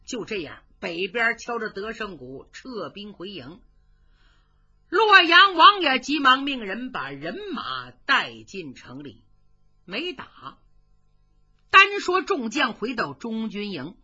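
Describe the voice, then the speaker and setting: A woman telling a traditional tale with drama, her bright voice leaping from high to low. A dull, lo-fi recording with faint music underneath. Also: wildly swooping pitch, slow. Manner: dramatic, vivid, with sound effects. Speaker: storyteller. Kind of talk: traditional storytelling narration.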